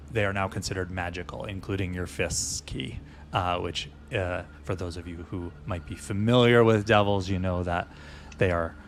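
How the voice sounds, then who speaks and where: Deep-voiced man narrating a tabletop game. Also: slight background noise. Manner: relaxed, hesitant narration with many fillers. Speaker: dungeon master.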